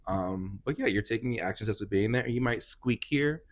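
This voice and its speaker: A man's voice: lowish voice, a little fast. A man hosting a podcast interview in a casual, upbeat way, laughing often and talking with loose fillers. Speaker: podcast host. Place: indoor healing practice room.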